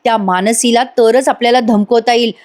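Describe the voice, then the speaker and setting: A woman voicing a scheming, unhinged young woman villain in jail, shrill, childish and mocking. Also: steady tone, normal speed, darkish tone, natural voice. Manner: shrill, childish and manic, mocking sing-song.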